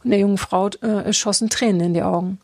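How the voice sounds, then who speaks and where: A woman's voice: medium pitch, fairly even intonation, fairly quick, dark tone, no room sound. Woman coach, casual storytelling, lots of fillers, acts out dialogue, close dry sound. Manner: chatty, many fillers and restarts, acts out dialogue.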